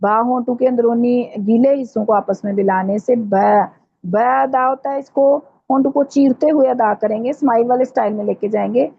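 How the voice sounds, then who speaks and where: A woman teaching a recitation class online, explaining patiently step by step and slowing right down to model each sound. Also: a little high, husky. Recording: dull lo-fi audio.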